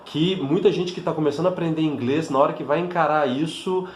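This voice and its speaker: Brazilian male language teacher, somewhat high voice, patient explainer, echoey room. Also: a little fast, a little hiss or hum. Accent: Brazilian Portuguese. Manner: patient, with frequent fillers and check-ins like "né?". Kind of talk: explaining to camera.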